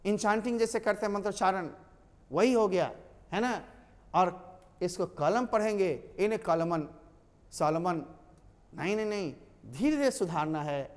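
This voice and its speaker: A man's voice: sits high, normal speed, long pauses. A man from Bihar teaching silent letters in English, talking, spelling words out and correcting himself often. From Bihar, India. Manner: animated, repeats and corrects, spells letters aloud. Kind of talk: classroom lesson on silent letters. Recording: long hall reverb.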